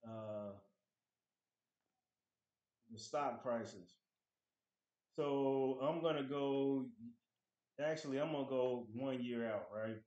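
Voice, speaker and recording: A man's voice: mid-range voice, darkish tone. A man in his thirties, host of a finance channel, talking casually to camera at his desk at home, reading article excerpts aloud and commenting on them. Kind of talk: casual stock analysis talk to camera. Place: small room at home. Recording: echoey room.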